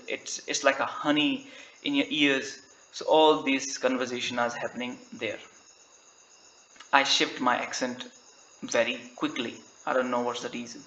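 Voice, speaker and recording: A man's voice: mid-range voice, bright, forceful tone, dull audio. A man with an Indian English accent teaching an exam-prep literature lecture, often asking questions and answering them himself and ending lines with "right?". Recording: echoey room.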